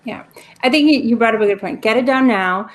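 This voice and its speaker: A woman's voice: on the high side, a little fast. A woman from El Salvador hosting a casual roundtable chat, upbeat and chatty with plenty of fillers. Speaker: host.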